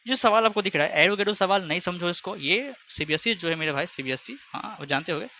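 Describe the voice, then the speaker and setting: Bright-voiced chatty maths teacher. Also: male voice, sits high, animated, fast talker, slight background noise. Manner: chatty, teasing, speaks both sides of a pupil dialogue. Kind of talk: online class lesson with imagined student back-and-forth.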